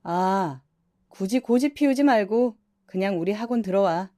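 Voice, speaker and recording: A woman's voice: medium pitch, animated, normal speed, dark tone, no room sound, clean studio sound, lightly acted. A woman voicing an arrogant husband who runs a private academy and mocks his younger brother. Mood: scornful. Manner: mocking and condescending.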